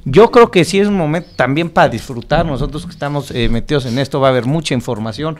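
A Mexican panel guest whose voice sits a bit above the usual male pitch. He talks with animated emphasis in a radio studio. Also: fast talker. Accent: Mexican Spanish. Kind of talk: casual panel discussion.

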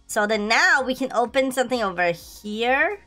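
High-voiced woman, scared horror game streamer. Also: expressive, normal speed, sharp tone, faint music behind. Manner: scared horror game streamer, shrieking and pleading in mock fright; repeats phrases, slangy "dude". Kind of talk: excited playful gameplay commentary.

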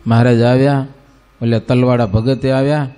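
Folksy storyteller monk. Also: male voice, medium pitch, moderate pace, clean tone. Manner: folksy, animated storytelling, breaks into sung verse. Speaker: religious storyteller. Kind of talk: devotional story sermon.

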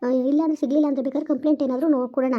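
A woman voicing a brisk, matter-of-fact village anganwadi teacher, recorded with dull lo-fi sound. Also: sits high, fairly even intonation, lightly acted. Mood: reassuring.

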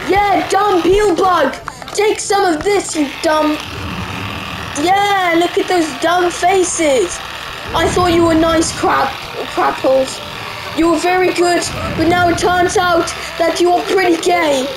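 A young woman doing excitable, playful let's-play commentary, taunting the enemies she fights. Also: extremely high pitch, slow pace, background noise. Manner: excitable, playful trash-talk at game enemies. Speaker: gaming YouTuber. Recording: game music playing behind. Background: game music.

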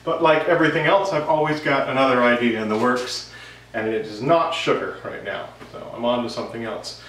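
In a noisy, echoing indoor workshop, a woodworking vlogger in his thirties chats loosely to the camera with an update. His medium-pitched voice is a bit bright, and he talks fairly quickly.

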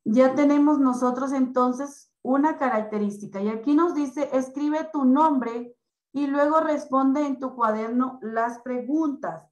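A woman teacher speaks to young pupils over a video call, slow and drawn out, her voice a little high. The room around her rings with echo. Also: lo-fi sound. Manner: slow, patient, drawn-out explanations to children. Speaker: primary school teacher. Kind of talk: online class for children.

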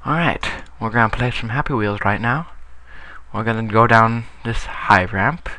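A young man giving goofy, playful gameplay commentary with sudden loud yelps. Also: lowish voice, normal speed, dry recording. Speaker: gamer.

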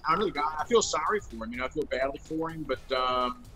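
A man's voice: mid-range voice, animated, fast talker, pushed and bright, faint music behind, low-quality recording. A middle-aged man giving casual football analysis over a video call from a room at home, thoughtful and hedging with lots of fillers. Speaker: co-host analyst. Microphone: video call webcam.

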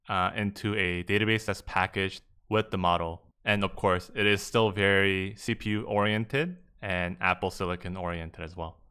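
A man narrating a calm tutorial over slides, explaining terms step by step with a few casual asides. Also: deep voice, smooth. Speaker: tech explainer. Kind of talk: screen-recorded tutorial narration.

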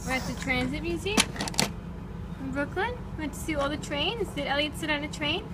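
A woman's voice: high-pitched, expressive, brisk, heavy background noise. A mother chatting with her toddler at bath time, asking simple repeated questions in a coaxing way. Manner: coaxing, asks simple repeated questions, sings nursery rhymes. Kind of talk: casual home video chat with a toddler. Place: home bathroom at bath time.

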